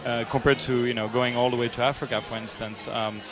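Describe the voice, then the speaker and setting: A man's voice: mid-range voice, level tone, fast talker. French-accented man, earnest, over music. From south of France. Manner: earnest, many fillers and restarts. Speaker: guest, charity supporter and restaurant owner. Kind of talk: conversational interview. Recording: music playing underneath.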